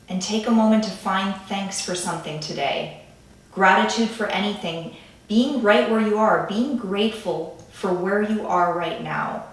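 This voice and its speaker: A woman leading a calm grounding meditation in a gentle, soothing way, with pauses between phrases. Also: mid-range voice. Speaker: meditation guide. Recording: echoey room, distant from the mic.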